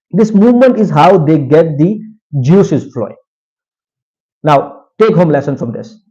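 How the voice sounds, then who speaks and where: A Pakistani man whose native languages are Potohari Punjabi and Urdu presents an informal lecture, partly reading research aloud. His higher-pitched, mellow voice delivers halting, hesitant second-language English with self-corrections, captured in a dull recording.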